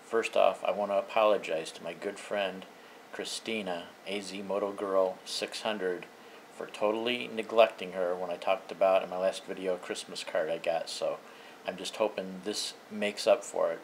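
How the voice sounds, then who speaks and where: An older man with a low voice talks casually to his online viewers. His delivery is plain and informal, with little rise and fall. There is faint noise in the room behind him. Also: low-quality recording. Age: older, around 60. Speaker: moto vlogger. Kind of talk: casual video chat to viewers. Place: small living room indoors.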